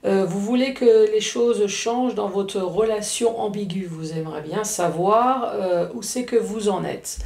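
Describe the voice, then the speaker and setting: A woman with an Alsatian accent talks through a tarot reading in a loose, chatty way, slipping in jokes and tag words. Her voice has a gravelly fry. The room around her rings with echo. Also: mid-range voice, a little slow, hardly any pauses, a little mellow. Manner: chatty, joking asides, frequent "hein" tags. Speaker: card reader. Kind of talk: casual tarot reading to camera.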